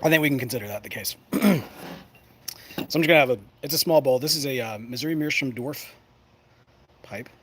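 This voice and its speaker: This man, host of a pipe smoking show, has a slightly bright mid-range voice, talking a little fast but with long pauses. He chats to camera in a folksy, playful way, rambling and leaving thoughts unfinished. Ambient background noise is clearly audible.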